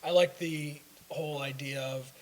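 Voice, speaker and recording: A man's voice: a little high, fairly even intonation, normal speed, rough recording. A young man co-hosting a casual fan talk show, rambling through his opinions with restarts. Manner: rambling, hesitant with fillers and restarts. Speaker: co-host. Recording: faint hiss.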